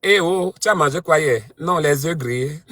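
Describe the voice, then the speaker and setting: A man's voice: fairly high pitch, moderate pace, a bit bright. A man hosting a live stream, taunting and mocking a rival in a heated argument.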